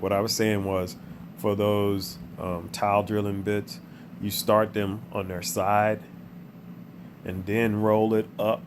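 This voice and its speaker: A man's voice: lowish voice, a little hiss or hum. A man who sounds under the weather gives a casual, plain-spoken how-to voice-over, explaining each step directly to the viewer. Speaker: contractor giving an install tutorial.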